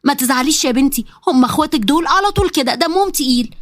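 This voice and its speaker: A woman's voice: high voice, lively intonation, rapid-fire. A woman voicing an indulgent, soothing mother with an Egyptian accent. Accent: Egyptian Arabic.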